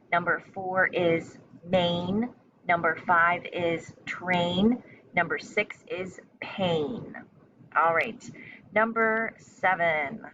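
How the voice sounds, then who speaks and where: A teacher, a woman with a lowish and fairly bright voice, runs a dictation for a spelling lesson. She enunciates carefully and repeats herself to guide and encourage, while the muffled, lo-fi recording carries faint noise.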